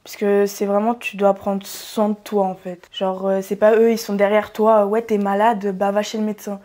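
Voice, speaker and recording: A young woman answering questions in a relaxed casual chat, often pausing with fillers. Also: mid-range voice. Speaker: interviewee, exchange student.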